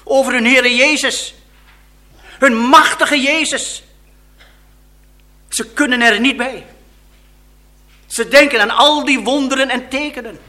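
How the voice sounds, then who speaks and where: Male preacher, very high voice, bright and sharp tone, dramatic storytelling sermon. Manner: dramatic storytelling, slow and expressive.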